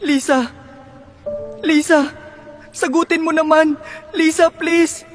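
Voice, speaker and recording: A man's voice: high voice, fairly even intonation, moderate pace, natural voice. Male actor as desperate husband, anguished, pleading, guilt-ridden, melodrama delivery, light music underneath. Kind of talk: Filipino melodrama acting.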